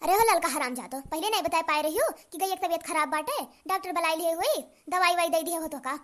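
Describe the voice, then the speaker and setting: A woman's voice: very high voice, brisk, a bit bright. A woman doing a bossy, cursing old village mother. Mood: scolding. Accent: eastern Uttar Pradesh rural dialect. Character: scolding old village mother, foul-mouthed. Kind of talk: cartoon voice acting.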